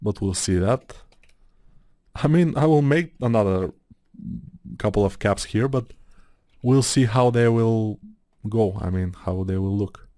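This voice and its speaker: A man's voice: fairly low pitch, unhurried, long pauses, warm tone, dry recording, studio quality. A man with an Eastern European accent, chatting in a meandering way while he works through a modeling tutorial, thinking aloud with many fillers. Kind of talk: casual rambling tutorial talk.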